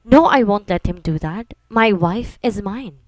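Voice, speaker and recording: A woman's voice: medium pitch, lively intonation, slow, no echo. A woman voicing a protective young husband and mafia boss who speaks tenderly and reassuringly.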